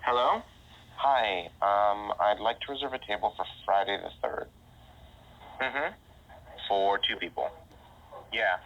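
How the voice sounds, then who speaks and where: A man's voice: on the low side, takes it slowly, pauses often. A synthetic, computer-made male voice that sounds nearly human, calling to book a table and using filler sounds like a real person. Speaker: caller booking a restaurant table. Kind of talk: casual phone request. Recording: dull lo-fi playback with faint noise.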